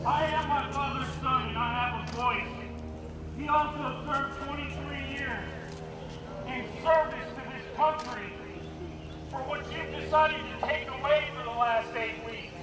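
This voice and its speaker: Through a bullhorn at an outdoor street rally, a very high-pitched man delivers a confrontational, accusing protest speech, hammering out his words at a measured pace with fairly even intonation. Traffic noise runs behind him in the noisy, echoey recording.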